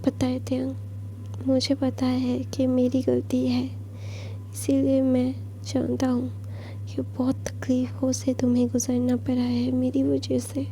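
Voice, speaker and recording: A remorseful injured young man pleading in a soft, half-whispered voice, as a woman storyteller reads his lines. The voice sits a little high and dark, with a gravelly edge. It is read for a storybook-style telling. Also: completely flat delivery, a little slow, slight background noise.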